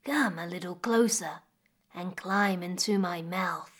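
A woman voicing a stern but kind magical mother crocodile with a low, rumbling voice and slow, deliberate speech. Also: a bit bright. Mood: gentle.

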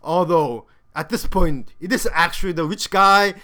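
A man's voice: sits high, moderate pace, pushed and bright. A man giving a scripted review of a television drama, with dry, sarcastic humor.

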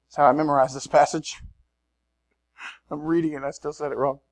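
A man preaching a sermon in a church, swinging between loud emphatic lines and quiet asides. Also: a little high, little pitch movement, a little fast. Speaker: pastor.

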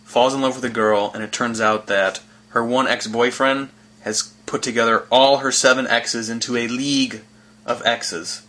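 A man's voice: mid-range voice, steady tone, moderate pace, pushed and bright. A man co-hosting a podcast, chatting casually with enthusiasm and teasing jokes. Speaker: podcast co-host. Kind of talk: casual chat.

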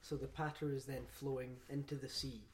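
A man's voice: medium pitch, level tone, a little fast, vocal fry, slight background noise. A young man on a casual podcast, rambling through a silly made-up explanation. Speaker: podcast co-host. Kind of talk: casual chat.

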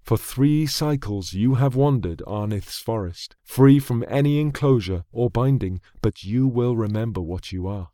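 A man's voice: mid-range voice, lively intonation, measured pace, hardly any pauses, dark tone, no room sound, clean studio sound, lightly acted. A man voicing a bold, stubborn young prince in an audiobook, proud and declaiming. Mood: calm, measured.

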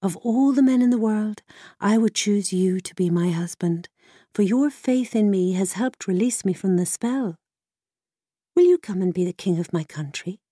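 A woman voicing a gentle princess freed from a spell, speaking tenderly and earnestly. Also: mid-range voice, moderate pace, husky, no room sound, clean studio sound, close to an everyday voice.

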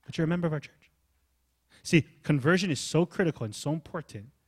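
A male pastor delivers a sermon with animated preaching. He swings from loud, pressing emphasis to quiet, low asides. His delivery is lively and expressive. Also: fast. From United States. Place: church hall.

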